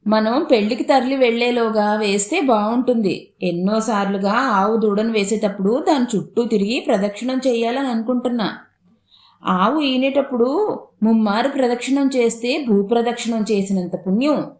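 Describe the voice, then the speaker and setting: A woman's voice: a little high, moderate pace, darkish tone, reverberant, natural voice. A woman voicing a bustling, devout older mother-in-law.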